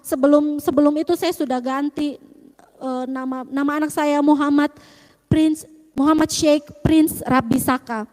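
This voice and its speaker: A woman giving a halting, earnest faith testimony, often quoting her own prayers. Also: sits high, fairly even intonation, darkish tone, long reverb tail.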